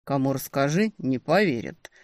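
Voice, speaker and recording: A woman's voice: low-pitched, lively intonation, moderate pace, no room sound. A woman playing a cocky, possessive male demon in an audiobook, in a mocking, smug tone close to her own voice.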